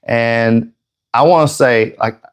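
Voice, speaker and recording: A man's voice: mid-range voice, takes it slowly, slight background noise. A man hosting a live airbrush painting stream, chatting casually and joking with viewers, slightly out of breath.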